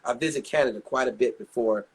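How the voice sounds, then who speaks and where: Older man, husky voice, chatty rambling storyteller, interview guest. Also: mid-range voice, fast. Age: 60s. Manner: chatty, rambling anecdotes with many asides. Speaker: guest singer.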